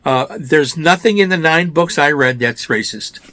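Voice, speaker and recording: An American man with a raspy voice, slightly hoarse from a cold, giving informal book commentary as a host in an emphatic way, often asking and answering his own questions. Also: a little high, moderate pace, sharp tone, dry recording. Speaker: host of a book review show.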